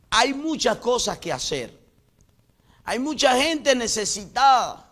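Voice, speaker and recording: Male pastor, middle-aged, high-pitched; dramatic sermon delivery with a testimony, loud peaks and quiet drops. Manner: dramatic preaching, swinging between loud exclamations and hushed lows; storytelling with personal testimony. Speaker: pastor and missionary.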